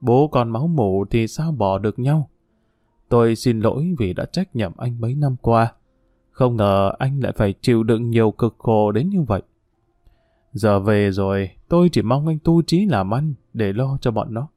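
A man voicing a weary, stern yet tender old grandmother in an audiobook, with a lowered, tired delivery. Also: normal speed, dark tone, dry recording, studio quality, lightly acted. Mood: sorrowful. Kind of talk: audiobook character voice.

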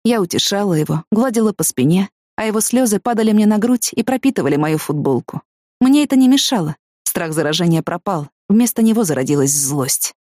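A woman narrating a first-person story in a measured storytelling manner. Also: mid-range voice, animated, a little mellow, no room sound, clean studio sound. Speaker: audiobook narrator.

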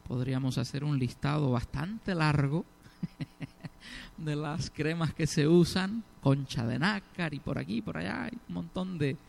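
A man's voice: on the high side, a little slow, creaky, a little mellow. A middle-aged man preaching a sermon, asking the congregation questions and leaning hard on key words.

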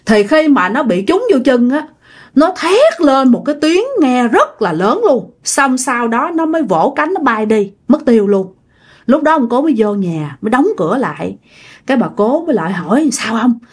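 A woman's voice: sits high, big pitch swings, normal speed, slightly rough. A woman telling a ghost story in a chatty, folksy way, speaking to the listener.

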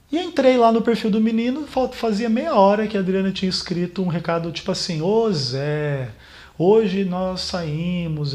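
A man, a pastor, telling a therapist a painful personal story in a halting way and repeating words as he goes. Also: high-pitched, a little mellow. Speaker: pastor speaking as a therapy client. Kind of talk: personal account in a therapy session.

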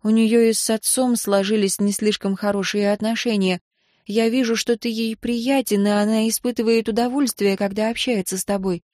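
A woman voicing an earnest young heroine in an audiobook, speaking gently and pleading. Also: mid-range voice, fairly even intonation, moderate pace, dry recording, studio quality, voice pushed up, natural voice. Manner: gentle then pleading, voice rising when upset. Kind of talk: audiobook character reading.

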